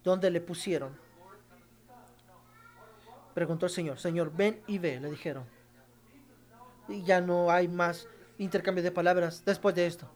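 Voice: medium pitch, steady tone, measured pace, long pauses, a little mellow. A preacher giving a sermon, reading Bible verses and repeating key phrases for emphasis while speaking straight to the congregation. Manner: addresses the congregation directly.

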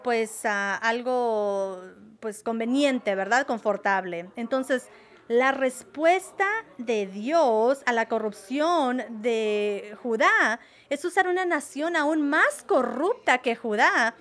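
A woman's voice: a little high, lively intonation, takes it slowly, fairly bright tone. A woman preaching a sermon in a conversational way, often checking in with her listeners. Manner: conversational, asks "verdad?" often.

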